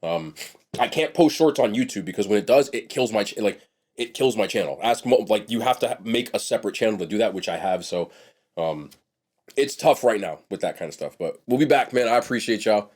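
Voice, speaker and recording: Fairly quick and animated, a young male food vlogger speaks on the low side with a slightly mellow tone. His nose is blocked, so he sounds nasal and sniffly throughout the casual mukbang review, where his blunt chat keeps trailing off and restarting.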